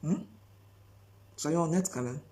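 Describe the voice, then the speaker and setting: Une femme qui prêche sans notes, répète ses phrases et enchaîne les questions rhétoriques avec insistance. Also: female voice, low-pitched, slow, mellow. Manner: repetitive, rhetorical questions, emphatic. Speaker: preacher. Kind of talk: spontaneous preaching monologue.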